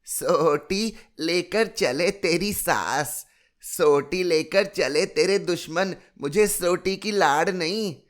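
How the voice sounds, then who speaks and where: A man doing a feisty, very old grandmother. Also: takes it slowly. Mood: scolding. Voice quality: high, scolding.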